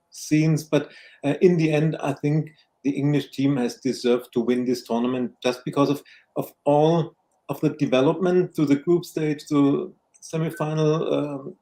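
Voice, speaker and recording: A man from Germany with a German accent, a guest pundit talking casually and haltingly about football. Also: fairly high pitch, dark tone.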